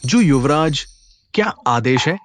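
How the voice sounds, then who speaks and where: A man's voice: fairly high pitch, lively intonation, unhurried, a bit bright, faint music behind. A man voicing a scheming male rival in a martial clan in a dubbed short drama, sneering and plotting. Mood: menacing.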